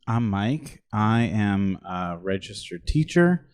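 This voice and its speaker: Man co-host, young adult, lowish voice, hesitant, rambling, casual podcast. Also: expressive, slow pace, darkish tone, smooth.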